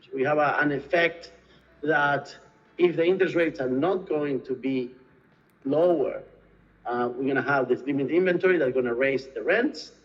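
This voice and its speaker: A man from Argentina, a real estate sales and marketing director, answers interview questions in Argentine-accented Spanish, hesitating with lots of fillers and restarts. His voice is medium-pitched at a normal speed, and the recording is lo-fi.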